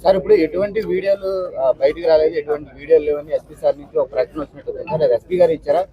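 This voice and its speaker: A man's voice: fairly high pitch, rapid-fire. A male reporter firing pressing questions at an official and calling him sir. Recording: dull lo-fi sound.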